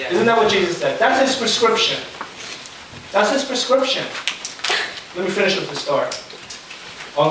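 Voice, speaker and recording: A man preaching with a high, lively voice, firing questions at his congregation. He sounds distant from the mic, and his words ring through a very echoey hall. Voices of the gathered crowd fill the room around him. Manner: animated, quizzes the congregation. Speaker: pastor. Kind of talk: sermon.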